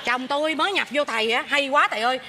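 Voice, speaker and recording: A woman playing a mother in a live stage comedy sketch, loud and animated, often complaining. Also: sits high, quick pace, a little hiss or hum. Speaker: comic actress playing a mother.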